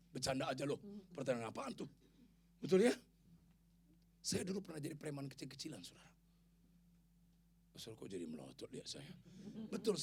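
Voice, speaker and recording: Male pastor, middle-aged, preaching with humor; high, husky voice with gravelly edges. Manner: animated preaching with humor, addressing the congregation directly. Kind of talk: sermon. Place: church.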